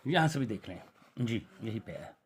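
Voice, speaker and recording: A man teaching an English vocabulary lesson, who reads example sentences very slowly and then explains them quickly. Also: fairly low pitch, sing-song, husky.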